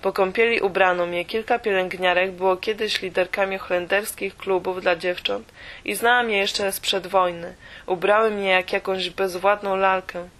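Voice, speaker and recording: Woman narrating an audiobook, flat and steady. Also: medium pitch. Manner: steady, measured reading. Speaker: audiobook reader. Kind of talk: first-person audiobook narration.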